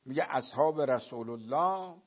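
A man giving a religious lecture, telling narrations to his listeners and reciting Arabic quotations slowly. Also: medium pitch, animated. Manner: storytelling, addresses listeners as dear friends. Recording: dull lo-fi recording.

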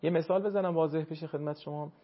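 A man hosting a broadcast Quran lesson, explaining pronunciation politely and formally, sounding out sounds slowly. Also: a little high, steady tone, highs cut off. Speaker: Quran teacher and program host. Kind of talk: televised recitation lesson.

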